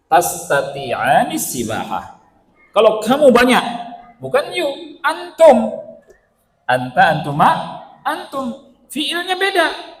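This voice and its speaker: Animated Indonesian man teaching in an echoey mosque hall. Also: high-pitched. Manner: animated, playful, quizzes the audience with rhetorical questions. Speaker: religious teacher. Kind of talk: lively mosque lecture.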